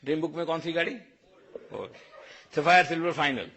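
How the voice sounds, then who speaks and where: A man giving a storytelling speech, lively and anecdotal, acting out bits of dialogue. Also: on the high side, normal speed. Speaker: motivational speaker.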